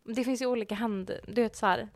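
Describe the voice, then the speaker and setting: A woman with a Swedish accent, co-hosting a podcast in casual chat, telling stories with animated acted-out quotes and frequent laughter. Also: fairly high pitch, dry recording. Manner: animated storyteller, acts out quotes, laughs often. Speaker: podcast co-host.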